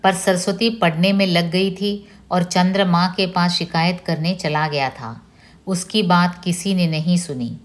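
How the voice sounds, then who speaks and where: Brief: woman professor reading a novel aloud, low pitch, very slow. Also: fairly even intonation. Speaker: Hindi professor.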